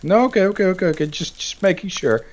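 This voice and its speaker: A man's voice: high-pitched, expressive, fast talker. A man playing in a tabletop game, chatting casually in a hesitant way. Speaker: player.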